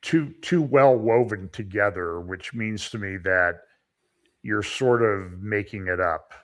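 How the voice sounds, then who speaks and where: A man who is a lawyer, hosting a conversation and telling stories in a measured, skeptical way. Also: lowish voice. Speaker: host and lawyer. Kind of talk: conversational commentary.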